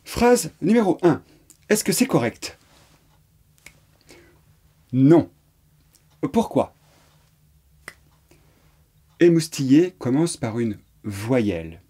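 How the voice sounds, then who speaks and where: A man from France gives a French lesson at an unhurried, deliberate pace. His voice is mellow and slightly husky, and he patiently repeats each example and spells words out letter by letter. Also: mid-range voice, very animated. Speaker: French teacher. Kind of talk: slow explanatory lesson.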